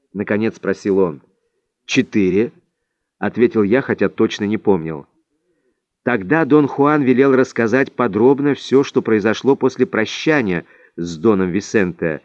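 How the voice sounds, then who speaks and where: A man narrating a first-person audiobook in an expressive, measured reading. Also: mid-range voice, no echo. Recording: dry, slightly dull recording.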